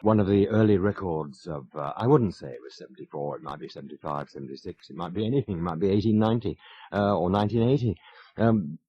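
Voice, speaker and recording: Chuckling as he tells wry stories at his own expense, a fifty-something radio presenter keeps up a quick pace. He has a low, slightly rough voice. The dry recording has the muffled sound of an old radio broadcast.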